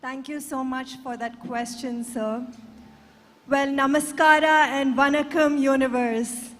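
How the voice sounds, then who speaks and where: Young woman, South Indian accent, high voice, emphatic pageant speech, declamatory, long hall reverb. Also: steady tone, measured pace, fairly bright tone. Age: young adult. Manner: emphatic, declamatory public address. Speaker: pageant contestant. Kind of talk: formal pageant stage answer.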